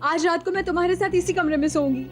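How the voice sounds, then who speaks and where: A woman's voice: very high voice, quick pace. Priyanka, a frightened young woman. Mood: worried. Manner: soft, intimate and worried. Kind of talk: TV horror serial acting. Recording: dramatic background music.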